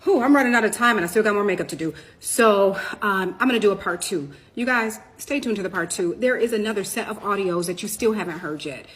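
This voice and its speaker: A woman's voice: medium pitch, fast, few pauses, fairly bright tone. A woman, talking urgently to her viewers and firing off question after question while she does her makeup. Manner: urgent, questioning, addresses viewers as "you guys". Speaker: storytime TikTok creator. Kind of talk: direct-to-camera storytime vlog.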